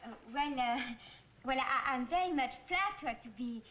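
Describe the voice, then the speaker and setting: A woman's voice: high voice, normal speed, dull audio, natural voice. An actress playing a flustered French immigrant woman who stammers nervously, with a French accent. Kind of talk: 1960s sitcom acting. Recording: hissy old TV soundtrack.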